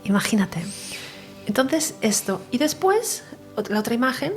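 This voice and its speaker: A woman with a fairly high, very animated voice tells of her near-death experience in an interview. She speaks at a moderate pace, earnest and emotional, occasionally sinking to a whisper, with faint music in the background.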